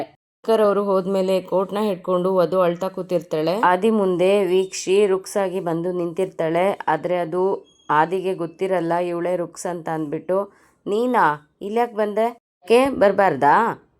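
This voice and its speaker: A woman narrating a television serial recap with a clear, smooth voice. She retells the events steadily and slips into the characters' lines as she goes. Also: on the low side, normal speed. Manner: steady retelling, acts out dialogue.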